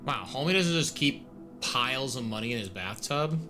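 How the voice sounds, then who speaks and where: A man's voice: mid-range voice, expressive, normal speed, over music. A man doing casual, jokey gaming commentary as a let's play host, full of slang.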